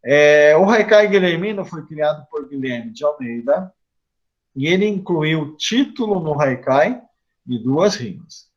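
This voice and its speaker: A man's voice: fairly high pitch, expressive, unhurried, muffled recording. Man patiently teaching a haiku class. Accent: Curitiba, Brazilian Portuguese. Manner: patient and explanatory, lists terms with frequent "né?". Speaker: haiku poet, guest teacher.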